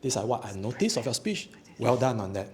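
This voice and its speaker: Brief: man with an animated, swooping delivery, club president giving feedback, light hiss behind. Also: medium pitch, a little fast. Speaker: club president and speech evaluator. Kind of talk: club speech evaluation.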